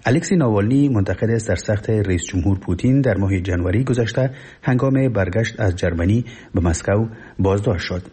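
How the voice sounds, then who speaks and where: A male radio newsreader with an Afghan Dari accent reads a report formally and solemnly. His voice is low, mellow and noticeably husky. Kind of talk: scripted radio news report.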